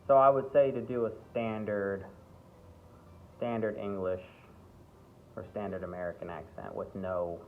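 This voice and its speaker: A fairly low-voiced man leads an acting workshop in an easygoing, conversational way, often stopping to check in with his students. His voice comes through a narrow, phone-like channel. A faint hiss sits behind it. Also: measured pace, pauses often. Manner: relaxed, repeats words, often checks in with "okay?" and "right?"; breaks into playful accent demonstrations. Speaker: acting teacher. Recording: tinny phone-like sound with faint background hiss.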